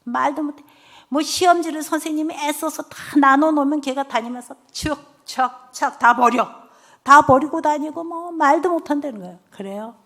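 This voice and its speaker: Lively storytelling woman preacher. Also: high-pitched, normal speed. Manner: lively storytelling, acting out children's and her own lines; drops to soft near-whispers for tender lines. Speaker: church deaconess speaker. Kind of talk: testimony sermon at a church revival meeting.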